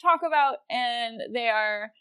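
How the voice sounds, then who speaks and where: A woman with an American accent and a fairly high voice chats as a podcast host. She is casual, irreverent and happy to swear. The sound is very dry, with no room on it. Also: slow pace, sharp tone, clean tone, no room sound. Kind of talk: casual comedic podcast chat about history.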